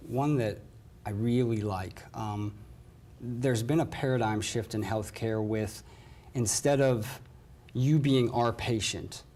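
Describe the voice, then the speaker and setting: A man with a warm, mid-range voice speaks slowly, answering interview questions as a nurse manager. He's an American from West Virginia, courteous throughout and given to saying "yes ma'am."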